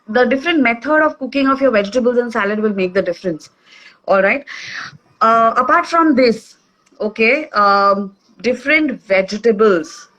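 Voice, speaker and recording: A woman's voice: a little high, a bit bright, rough recording. A woman with an Indian English accent explaining simply over a video call, often checking in with "okay". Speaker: nutrition expert guest. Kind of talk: casual online talk.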